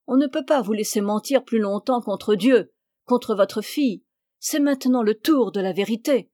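A woman reading as a calm, stern young accuser. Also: a little high, moderate pace, no room sound, studio quality, close to an everyday voice. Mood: accusing.

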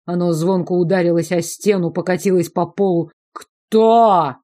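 A woman reading a first-person fantasy novel aloud in even, measured scripted audiobook narration. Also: fairly low pitch. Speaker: audiobook reader.

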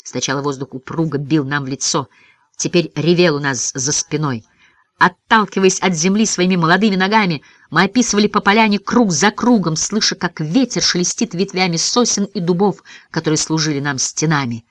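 A man narrating a first-person story as an audiobook reader, expressive and vivid. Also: fairly high pitch, a little fast, dry recording.

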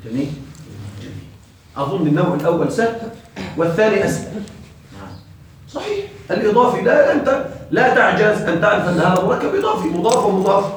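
A man in his thirties teaching an Arabic grammar class, quizzing his students with quick questions and repeating each term for them. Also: high voice, animated, very echoey, recorded from a distance, rough recording.

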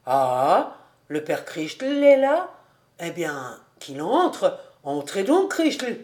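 A woman's voice: on the low side, sing-song, very slow, darkish tone, full character voice. A woman voicing a cheerful, eager man who exclaims heartily in an audiobook. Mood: hearty.

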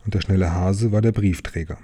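A man reading a children's story aloud in a gentle way, adding small asides to the listener. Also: low-pitched, steady tone, brisk, husky. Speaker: reader of a children's book.

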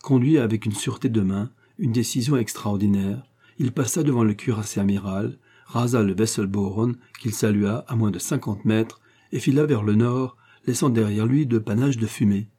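A man narrating an adventure novel in a measured, steady audiobook reading. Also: fairly low pitch, husky.

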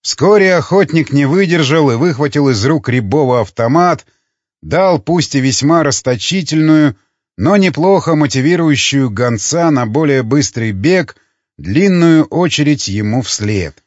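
A male narrator reads a grim audiobook with dramatic expression, his pitch rising and falling a great deal. The recording is dry and close, with a slightly dull, muffled top end. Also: lively intonation, unhurried, no room sound. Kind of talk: scripted narration.

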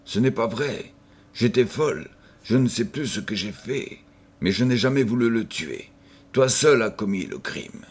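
A man's voice: mid-range voice, expressive, a little slow, husky. A man reading the part of a young woman who sobs and denies the guilt in an audiobook. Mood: sobbing. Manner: sobbing, denying. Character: Thérèse, young woman, sobbing, stubborn accomplice.

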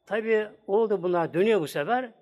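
A man's voice: sits high, fast talker, a little mellow. A man preaching a sermon, acting out the voices of the people in his story and speaking to his congregation. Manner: dramatic, acts out voices in stories; addresses the congregation.

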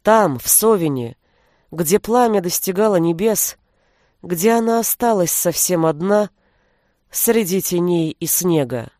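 A woman narrating an audiobook in a steady, even storytelling voice. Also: on the low side, unhurried, dry recording, clean studio sound. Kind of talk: scripted narration.

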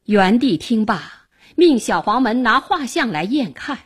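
Husky woman telling a dramatic tale. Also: a little high, unhurried. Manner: dramatic, expressive narration. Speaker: storyteller. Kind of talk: traditional Chinese oral storytelling.

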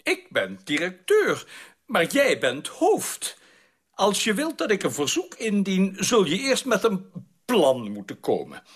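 An actor playing a calm, wily institute director who answers in a measured, evasive way in a radio drama. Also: male voice, sits high, breathy edge, full character voice. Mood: cool.

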